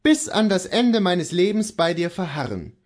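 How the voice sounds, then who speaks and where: An earnest, steadfast horse dealer speaks tenderly but firmly to his wife, as a male reader plays him. His slightly raised voice rises and falls with lively conviction. Storybook reading of a classic tale. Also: high voice, pitched above the performer's own voice. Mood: earnest resolve. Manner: earnest, measured, gently persuasive.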